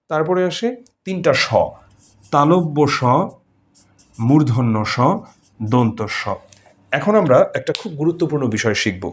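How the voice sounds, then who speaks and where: A man teaching pronunciation. He says the sounds slowly and repeats each example. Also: medium pitch. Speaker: language teacher. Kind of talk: pronunciation lesson.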